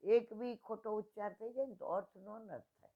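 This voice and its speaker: A woman's voice: mid-range voice, steady tone, moderate pace. A woman in her sixties tells devotional stories in plain homely speech, acting out the dialogues, at a religious gathering. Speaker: satsang speaker. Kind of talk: devotional storytelling talk. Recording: tinny phone-like line.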